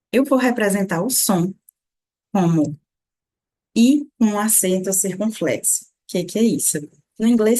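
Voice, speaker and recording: A Brazilian woman with a Brazilian Portuguese accent giving an English pronunciation lesson, slowly repeating sounds to demonstrate them. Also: mid-range voice, a little mellow. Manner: slow demonstrative repetition of sounds. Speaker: English teacher.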